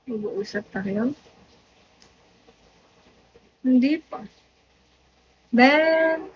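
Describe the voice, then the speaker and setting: A woman's voice: high-pitched, lively intonation, very slow, slight background noise. A young woman hosting a casual livestream, chatting with and greeting viewers, slipping in English phrases, on a phone mic. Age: young adult. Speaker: livestream host. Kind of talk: casual live-stream chat. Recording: dull lo-fi livestream audio.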